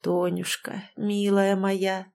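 A woman voicing a gentle, wise old grandfather who speaks softly and slowly to his granddaughter. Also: medium pitch, lightly acted. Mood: tender.

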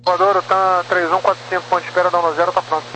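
A male pilot over the radio, reading back air traffic instructions in quick, clipped, routine phrases. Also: sits high. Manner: rapid, flat, routine phrasing. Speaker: airline pilot. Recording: noisy radio transmission with static.

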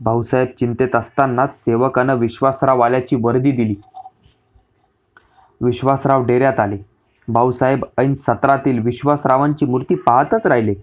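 A man narrating a historical novel as an audiobook in a measured, literary storytelling manner. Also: mid-range voice, steady tone.

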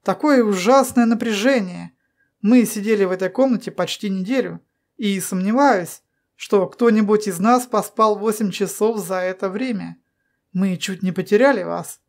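A woman's voice: mid-range voice, normal speed, darkish tone, lightly acted. A woman voicing a man, a surgeon, who speaks with heated conviction in an audiobook. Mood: apologetic. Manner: heated, earnest. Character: adult male surgeon, fervent and admiring.

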